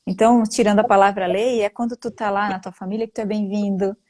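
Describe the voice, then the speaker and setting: A woman's voice: fairly even intonation, quick pace, darkish tone. A woman, a family constellation facilitator, explains things earnestly and like a teacher during a live-stream talk. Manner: earnest, teacherly, with frequent rising pitch jumps.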